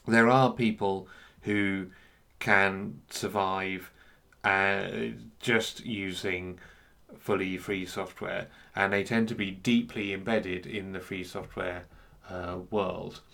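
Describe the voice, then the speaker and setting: A man giving an unscripted talk on software freedom, hesitant and full of fillers and restarts. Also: low-pitched, steady tone, takes it slowly, creaky. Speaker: speaker on free software.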